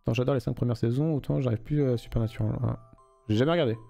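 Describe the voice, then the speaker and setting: A man's voice: mid-range voice, racing, creaky, warm tone, soft background music. A young man streaming a game live, reading the story aloud and chatting loosely with viewers, swearing freely.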